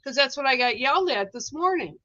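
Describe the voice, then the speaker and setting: A woman's voice: sits high, brisk. A woman on a spirituality livestream telling a story in casual chat, acting out the voices of the people in it. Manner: animated storyteller, acts out quoted voices. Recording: dull lo-fi livestream audio.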